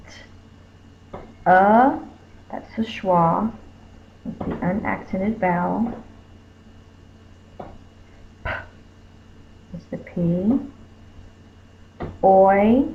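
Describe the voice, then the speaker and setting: A woman teacher, slowly sounding out letters and sounds in a phonics spelling lesson. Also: mid-range voice, gravelly, slight background noise. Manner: slow, careful, sounding out each letter. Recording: tinny phone-like lo-fi recording.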